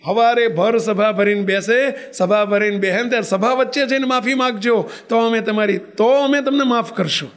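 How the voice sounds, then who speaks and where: A man's voice: high-pitched, moderate pace, fairly bright tone. A man voicing a male divine lord who scolds and gives commands, within a spoken religious story. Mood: stern. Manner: admonishing, authoritative.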